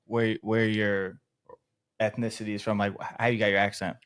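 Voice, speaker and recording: A man's voice: lowish voice, little pitch movement, moderate pace, fairly bright tone, clean tone. A man hosting a podcast in casual chat, telling stories with frequent laughter. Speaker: podcast host.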